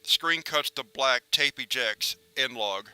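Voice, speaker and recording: A man narrating horror fiction in a flat, clipped report style. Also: mid-range voice, slow pace, clean tone, low-quality recording.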